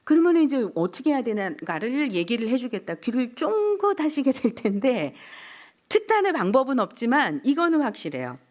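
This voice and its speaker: A woman's voice: sits high, normal speed. A middle-aged woman giving a healing seminar talk at a church, acting out everyday voices as examples. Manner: animated, acts out quoted voices of parents and children. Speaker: seminar speaker.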